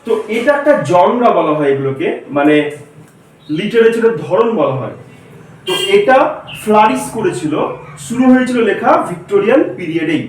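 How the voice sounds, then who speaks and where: A man's voice: high-pitched, very animated, moderate pace, a little mellow. A male teacher giving a classroom lecture, explaining step by step and quizzing his students. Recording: echoey room, mic far off.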